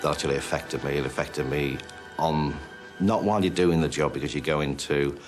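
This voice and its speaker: Very deep-voiced, matter-of-fact paramedic. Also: male voice, steady tone, a little fast, soft background music. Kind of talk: documentary interview.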